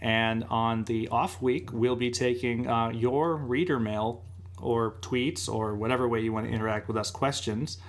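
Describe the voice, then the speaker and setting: A man's voice: mid-range voice, fairly even intonation, unhurried. A man co-hosting a movie podcast, eagerly explaining the show format in casual chat. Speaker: podcast co-host.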